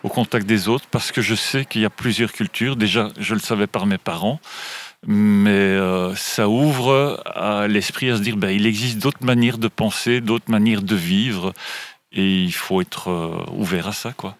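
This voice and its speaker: A man answering interview questions in a measured, reflective way. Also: lowish voice. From Belgium.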